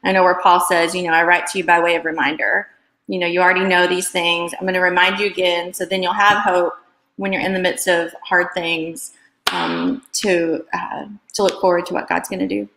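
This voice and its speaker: A woman's voice: on the low side, a little fast, sharp tone, slight background noise. A woman co-hosting a casual faith chat over a video call, thoughtful and rambling, laughing easily. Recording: roomy echo.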